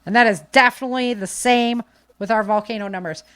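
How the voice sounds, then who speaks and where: Talking a little fast, this American podcast host has a slightly high, fairly bright voice. She delivers casual, off-the-cuff commentary, emphatic and conversational. The recording is dry.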